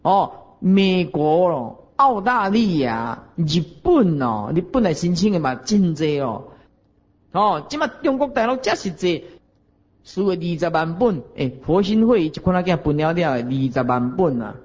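A Buddhist monk preaches with a Taiwanese Hokkien accent, his voice pitched a little high for a man. He tells stories in a homely way, chuckling and tossing rhetorical questions at his listeners. The recording sounds dull and lo-fi, like an old tape. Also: sing-song, unhurried, darkish tone. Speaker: Buddhist monk giving a dharma talk. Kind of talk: sermon.

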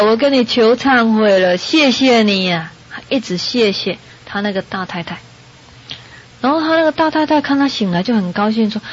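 A woman giving a Buddhist sermon to an audience, telling a story in a lively way and acting out the characters' lines. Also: mid-range voice, slight background noise. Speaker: Buddhist dharma teacher. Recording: dull lo-fi recording.

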